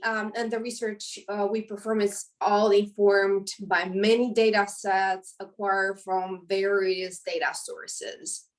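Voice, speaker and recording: A woman in her forties with a Romanian accent answers as a guest in a webinar interview; she is a professor. Her medium-pitched, slightly bright voice sounds hesitant, full of ums, restarts, and mid-phrase self-corrections. The mic is distant, so she seems set back as if heard over a video call.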